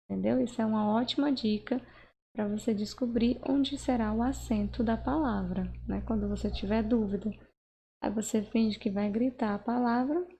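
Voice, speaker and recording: A Portuguese teacher, a woman, patiently walks through a grammar lesson one step at a time, frequently using tag questions to check in with the listener. Her voice is slightly high and creaky with a dark tone, the highs are cut off, and there's a faint hiss or hum.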